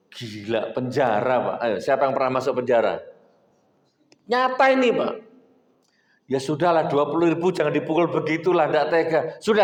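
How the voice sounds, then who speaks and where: Animated male preacher, fairly high voice, big reverberant hall, sermon delivered with stories. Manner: animated, swings between loud exhortation and low storytelling asides. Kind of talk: sermon with storytelling. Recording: echoey hall with long reverb.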